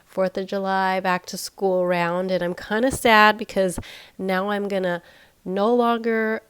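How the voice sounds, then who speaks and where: A woman in her thirties, nasal and crackly as she recovers from being sick, chats casually while unboxing at home, thinking aloud and poking fun at herself. Her mid-range voice is steady, a little slow and clean-toned, and the camera points down at the items on a carpeted floor indoors while she stays off-screen.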